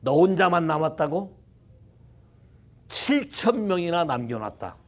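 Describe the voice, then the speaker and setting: A man voicing God, who asks calm, searching questions of a fleeing prophet. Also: fairly high pitch, a little slow. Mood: quiet. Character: quiet, probing male God questioning a prophet.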